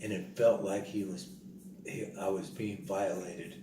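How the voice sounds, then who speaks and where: A man telling a casual story in an animated way, repeating himself and acting out what other people said. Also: low-pitched, unhurried. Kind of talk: casual spoken travel story. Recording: roomy, distant mic, noisy background.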